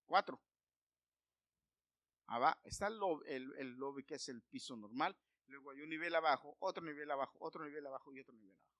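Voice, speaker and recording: A man preaching a sermon, emphatic and building to loud declarations. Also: a little high, fairly quick, no room sound.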